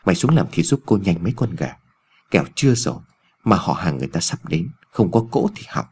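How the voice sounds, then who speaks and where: A man's voice: lowish voice, very animated, quick pace, darkish tone, breathy edge. A man voicing a bossy older village wife who scolds and nags, in a narrated ghost story. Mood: coaxing. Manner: brusque, nagging.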